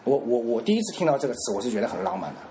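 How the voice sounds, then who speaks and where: A man's voice: medium pitch, very fast, slight background noise. Joking man with Shanghainese accent. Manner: joking, playful, lively. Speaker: Shanghainese dialect teacher. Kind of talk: casual dialect lesson chat.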